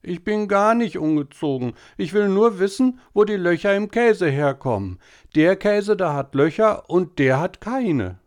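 A man's voice: high voice, lively intonation, measured pace, a little mellow, voice pushed up. A man voicing a whiny, stubbornly curious little boy in an audiobook story. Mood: insistent. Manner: whining, insistent questioning.

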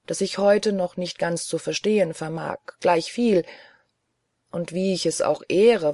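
Slow, gravelly audiobook narrator. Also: medium pitch, darkish tone, dry recording. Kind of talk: first-person literary narration.

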